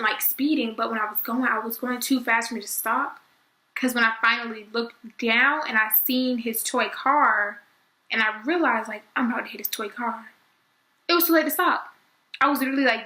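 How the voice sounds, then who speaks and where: Young female vlogger, high bright voice, chatty, loads of "like", echoey room. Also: a little fast. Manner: chatty, fills speech with "like". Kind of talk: casual storytelling to camera.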